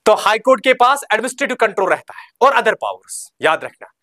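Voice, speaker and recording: A male coaching teacher delivers a recorded lecture in a steady, drilling manner. He reads key terms out slowly and repeats them, then fires short questions at the class and answers them himself. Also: high-pitched. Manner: keeps telling students to remember.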